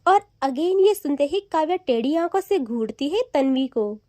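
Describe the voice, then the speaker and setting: A woman narrating a romantic audio story in a lively, dramatic reading. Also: high-pitched, normal speed, dry recording.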